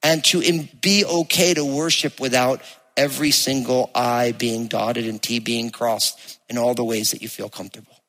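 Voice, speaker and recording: A pastor with a New Jersey accent preaches to a live congregation in a church hall, conversational and emphatic, slowing down to read scripture and its place names aloud. His medium-pitched voice is steady and fairly bright. The recording carries the long reverb of the hall.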